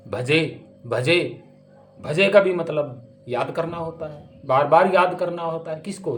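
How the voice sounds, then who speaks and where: A man with a notably high voice delivers a spiritual discourse on scripture. He speaks emphatically and keeps asking pointed rhetorical questions. Faint instrumental music plays underneath. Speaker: spiritual teacher.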